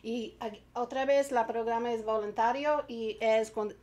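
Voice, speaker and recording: Woman guest speaking haltingly. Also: on the high side, fairly even intonation, a little mellow. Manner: halting, stumbles over words. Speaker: bilingual outreach worker, guest. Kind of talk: TV talk show guest.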